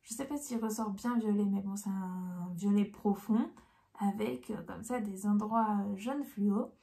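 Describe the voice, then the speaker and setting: A knitting vlogger, a young woman with a medium-pitched, mellow voice and vocal fry, speaks a little slowly in a casual haul video. She chats enthusiastically about what she bought, with plenty of fillers.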